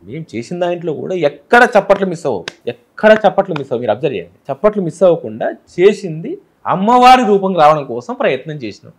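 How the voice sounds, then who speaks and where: Lively, fast-talking Telangana man. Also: high voice, breathy edge. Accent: Telangana Telugu. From Telangana, India. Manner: animated, explains with examples from village speech. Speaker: film director. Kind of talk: interview, explaining his film.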